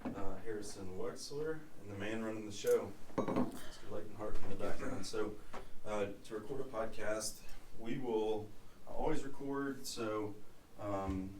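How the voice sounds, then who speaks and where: A man hosting a podcast, explaining the studio setup in a relaxed, casual way with lots of fillers. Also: on the low side, measured pace. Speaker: podcast host. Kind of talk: casual behind-the-scenes chat. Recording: echoey room, distant mic, background noise.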